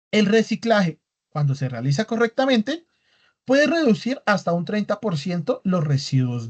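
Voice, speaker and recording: A man's voice: sits high, darkish tone. A man teaching an online class on writing, explaining step by step and checking in with his students with constant tag questions. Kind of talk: recorded online class lecture. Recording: dull lo-fi class recording.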